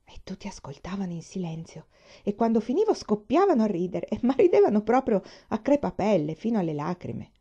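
A woman reading a novel aloud in a steady, measured way. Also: medium pitch, slightly rough, muffled recording. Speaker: audiobook reader.

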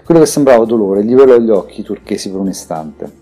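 Male narrator reading a fantasy audiobook in a low, mellow, measured voice. Soft music plays quietly behind him, and his delivery stays steady and composed. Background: faint background music.

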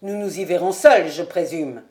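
Woman reader doing a somber young nobleman, low, grave, proud. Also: level tone, unhurried, a little mellow.

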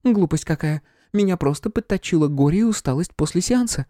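A man reading an audiobook, voicing a frightened, distraught young female clairvoyant in a high, shrill, pleading voice. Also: animated, fairly quick, mellow, no room sound, clean studio sound, natural voice.

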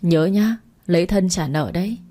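Kind, teasing young chairman read by a woman, low and mellow, storybook delivery. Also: moderate pace, natural voice. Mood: warm.

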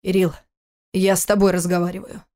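A woman reading the part of a stern, domineering older father-in-law, gruff and commanding. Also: fairly low pitch, flat delivery, a little fast, darkish tone, natural voice.

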